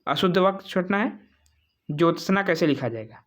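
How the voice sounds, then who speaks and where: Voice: mid-range voice, lively intonation, fairly quick. Repetitive exam-prep teacher quizzing viewers. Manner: repeats each spelling several times and fills with "ठीक है"; poses questions to viewers, then answers them. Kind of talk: exam-prep quiz walkthrough.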